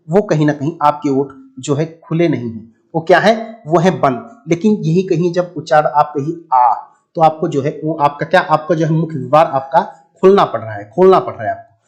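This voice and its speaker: Hindi man drilling vowel sounds. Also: fairly high pitch. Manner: explanatory, addresses viewers as friends, repeats and drills sounds. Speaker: Hindi grammar teacher. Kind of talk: exam-prep lesson.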